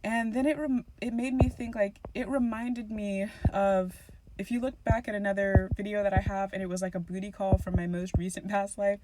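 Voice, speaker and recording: A woman's voice: mid-range voice, steady tone, normal speed, background noise. A young woman casually telling a story to camera, rambling with lots of fillers and restarts. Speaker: tarot channel host.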